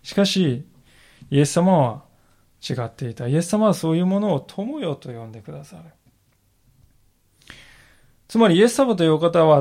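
Earnest higher-voiced male pastor preaching. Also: gravelly, darkish tone. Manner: earnest, reflective preaching with emphatic slowed phrases. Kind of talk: sermon.

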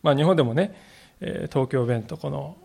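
Male pastor, sermon, conversational storytelling, animated pitch, slightly high voice. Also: moderate pace, gravelly. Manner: conversational storytelling, acting out quotes.

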